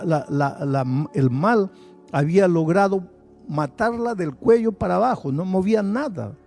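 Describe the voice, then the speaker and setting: A male pastor preaching a sermon, telling a story at first and then building to loud, emphatic appeals. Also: fairly high pitch.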